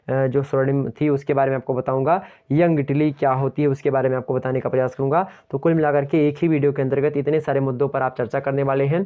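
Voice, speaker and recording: A man's voice: medium pitch, clear, resonant tone. A young man teaching an exam-prep lecture online, who asks questions aloud and answers them himself and keeps urging viewers to like and share. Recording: dull lo-fi sound.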